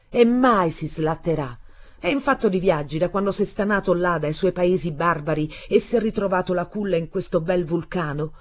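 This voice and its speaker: A woman voicing a sardonic, scornful young man who drawls slowly and mockingly in a reading of a novel. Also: medium pitch, a little mellow, natural voice. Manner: slow, mocking, bored drawl.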